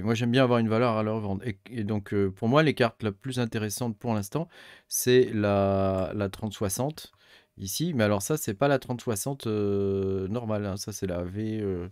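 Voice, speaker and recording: A man with a lowish voice walks through hardware choices in a casual, hesitant way, often restarting sentences and filling pauses. The sound is dry and close, with no room around it. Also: a little mellow, smooth, no echo. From Europe. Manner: hesitant, many fillers and restarts. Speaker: crypto mining YouTuber. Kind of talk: casual screen-share explainer.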